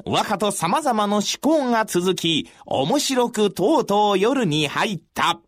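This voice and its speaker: A male storyteller giving a traditional storytelling performance in a measured, formal recitation with dramatic pauses. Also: high voice, big pitch swings.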